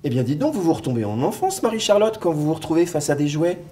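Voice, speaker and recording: A woman's voice: low-pitched, sing-song, fast, dark tone, slightly rough, heavily acted. A woman playing Raoul, a cheerful, curious male character in a children's museum show, with a playful, exclamatory way of talking. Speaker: show's title character.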